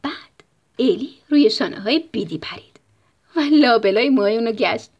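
Husky, lively woman telling a bedtime story. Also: on the high side, highs cut off. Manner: expressive, sometimes whispered.

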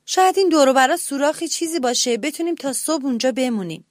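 A woman voicing a chubby, bossy older brother mouse who speaks loudly and gives orders. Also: sits high, expressive, dry recording, studio quality, pitched above the performer's own voice.

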